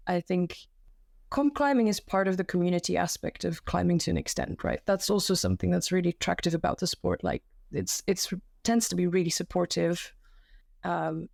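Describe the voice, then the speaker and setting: Podcast guest: young woman from Belgium, low gravelly voice, chatty and self-deprecating, dry close sound. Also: a little mellow, no room sound. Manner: chatty, self-deprecating, many fillers and restarts. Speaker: guest, climbing competition volunteer. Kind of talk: casual podcast conversation. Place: floor of a new room at home. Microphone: home setup.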